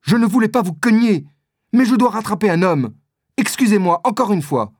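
A man reading a storybook and voicing an eager young male swordsman who blurts out his lines in a high, breathless rush. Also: expressive, moderate pace, darkish tone, no echo, clean studio sound. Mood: apologetic. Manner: breathless, impulsive.

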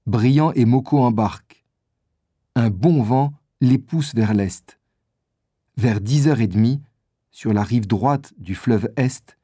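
A man narrating a children's adventure story in a measured storytelling manner. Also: medium pitch, dark tone, slightly rough, no echo, clean studio sound.

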